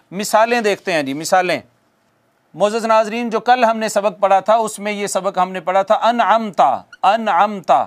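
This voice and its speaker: A male Quran recitation teacher giving a lesson, patiently repeating rules, asking questions and answering them himself, and drawing out Arabic example words. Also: high-pitched.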